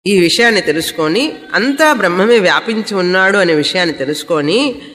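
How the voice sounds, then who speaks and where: A woman's voice: lowish voice, lively intonation, brisk, fairly bright tone, in a large hall, soft background music. A woman spiritual teacher giving a scripture lecture, explaining Sanskrit verses word by word and asking rhetorical questions that she answers herself.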